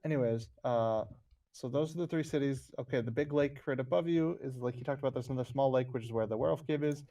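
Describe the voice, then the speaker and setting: A man's voice: mid-range voice, fast talker, warm tone. A man acting as game master, explaining a game map step by step, with fillers, over an online voice call. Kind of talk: describing a tabletop game map.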